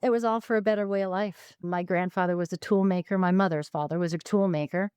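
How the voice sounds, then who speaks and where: Chatty older woman with a smooth, low voice. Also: fairly even intonation, fast, darkish tone, dry recording. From California. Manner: chatty, laughing, many restarts. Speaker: podcast guest. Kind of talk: casual storytelling conversation.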